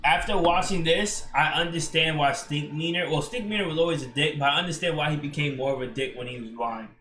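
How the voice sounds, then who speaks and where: A man streaming a casual reaction chat, animated and incredulous, with "bro" in nearly every sentence. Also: fairly high pitch, fairly quick. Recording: echoey room with faint background noise.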